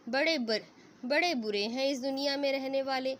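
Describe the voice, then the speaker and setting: A woman voicing a scheming young woman who speaks softly and mockingly. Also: high voice, a little hiss or hum, natural voice. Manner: soft, mocking.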